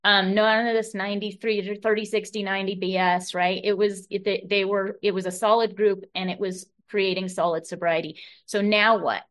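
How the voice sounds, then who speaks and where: A middle-aged woman speaks to a room full of people at a meeting, sharing her story in a loose, conversational way. She restarts her sentences often and keeps tossing out little rhetorical tags to the room. Her pitch sits in an ordinary middle range for a woman. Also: little pitch movement, normal speed, few pauses. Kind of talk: personal share at a meeting.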